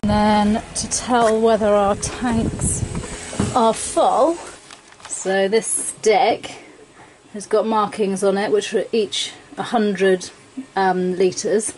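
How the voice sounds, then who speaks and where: A woman giving a relaxed, chatty tour of her sailboat, filling gaps with ums. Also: fairly high pitch, poor audio. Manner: chatty, relaxed, lots of ums and "bits and bobs". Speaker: boat owner giving a tour. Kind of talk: casual explanation. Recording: handheld camera with clear background noise.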